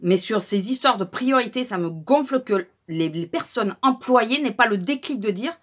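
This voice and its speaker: A woman's voice: on the high side, expressive, moderate pace. A woman chatting casually in a haul vlog, telling an indignant story with lots of fillers and restarts. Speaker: vlogger.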